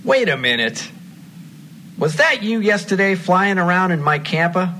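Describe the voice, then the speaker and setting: A man playing a wary, exasperated married man in a scripted drama, stern and deliberate. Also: high-pitched, very animated, bright, forceful tone, slight background noise, full character voice. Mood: incredulous, wary.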